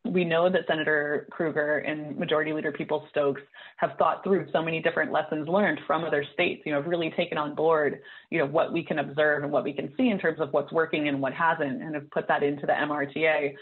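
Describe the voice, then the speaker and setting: A woman's voice: sits low, fairly even intonation, fast, breathy edge. Earnest woman advocate, panel speaker, heard over a thin phone-like call line. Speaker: cannabis policy advocate. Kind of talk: panel discussion on a video call. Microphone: video call. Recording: tinny phone-like audio.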